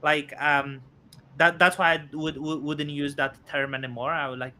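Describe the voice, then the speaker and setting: A man in his thirties hosting a casual crypto chat, halting with many fillers and restarts. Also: on the high side, level tone, pushed and bright. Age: 30s. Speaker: host.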